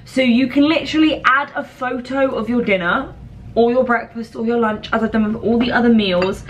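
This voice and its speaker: A woman's voice: on the high side, moderate pace, slight background noise. A young woman chatting casually to camera in a vlog, self-deprecating and friendly. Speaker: vlogger. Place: small bathroom at night.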